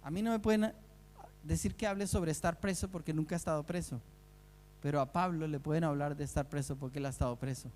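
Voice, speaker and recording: High-voiced man preaching in a reverberant hall. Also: quick pace, darkish tone. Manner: earnest preaching with rhetorical questions. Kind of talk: sermon.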